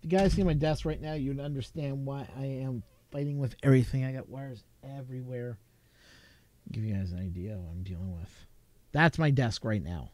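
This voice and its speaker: A Canadian man hosts a late-night live stream from a home desk crowded with gear, chatting casually and rambling with chuckles. His medium-pitched, darkish voice is brisk, picked up by a desk mic with a mixer, with no room sound.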